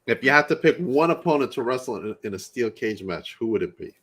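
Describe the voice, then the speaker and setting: With a mid-range, somewhat bright voice, brisk and full of lively intonation, this podcast host chats casually with his interview guest. Allergies leave him sounding nasal and congested, and he laughs a lot and repeats himself.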